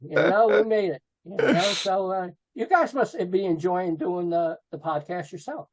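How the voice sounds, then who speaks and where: Speaking at normal speed in a high-pitched voice, a middle-aged New Jersey man, a rock photographer, looks back casually on the past as an interview guest on a podcast. He keeps things informal, peppering his talk with "you know," and the call audio is dull and lo-fi.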